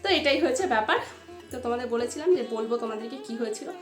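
A woman's voice: on the high side, lively intonation, very fast. A young woman, a chatty family vlogger talking to viewers as friends at home. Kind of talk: casual chat to viewers. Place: home, kitchen and bedroom. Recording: echoey room with background music.

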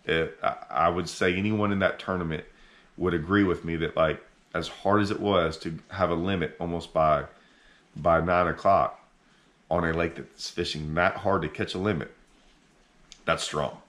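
A middle-aged man hosting a fishing channel, talking casually to camera from his living room couch, animated and full of restarts as he thinks aloud. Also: sits low, moderate pace. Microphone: camera in front at sitting distance.

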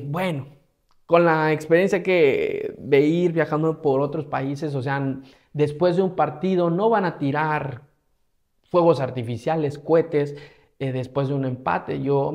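A man from Mexico with a Mexican Spanish accent, casually telling a story as a travel vlogger, slangy and animated, acting out his own reactions. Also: on the high side.

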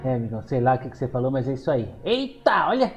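A man with a Brazilian accent giving excitable commentary on a horror game, exclaiming and talking back to the characters on screen. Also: medium pitch, rapid-fire, soft background music, low-quality recording. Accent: Brazilian Portuguese. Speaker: gameplay streamer.

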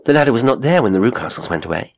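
A man voicing an anxious, earnest young gentlewoman in an audiobook, with an urgent, alarmed manner. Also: mid-range voice, very animated, racing, creaky, voice pushed up. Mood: doubtful. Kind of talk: audiobook character acting.

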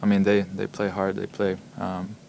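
Seated before a logo backdrop in a press room, a young hockey player gives postgame answers into the table mics in front of him. His low, gravelly voice is monotone and darkish, broken by frequent ums and repeated words, over a little hiss or hum.

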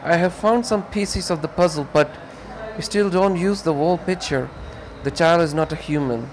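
A woman's voice: fairly low pitch, normal speed, darkish tone, slight background noise, voice pushed up, close to an everyday voice. A man reading out the lines of a female lightning mage as she gives her mission report, in his own plain voice. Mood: matter-of-fact.

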